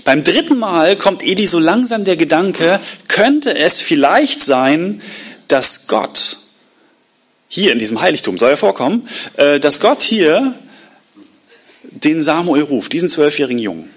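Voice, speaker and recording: A man preaching a sermon, retelling a Bible story in a lively, colloquial way and acting out the quotes. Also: fairly high pitch, measured pace, breathy edge. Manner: colloquial asides. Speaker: pastor.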